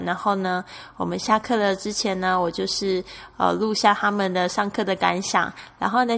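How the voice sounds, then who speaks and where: A woman's voice: mid-range voice, creaky, fairly bright tone, long reverb tail. A woman from Taiwan with a Taiwanese Mandarin accent, patiently explaining English words and spelling them out as a teacher. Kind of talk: explanatory lesson narration.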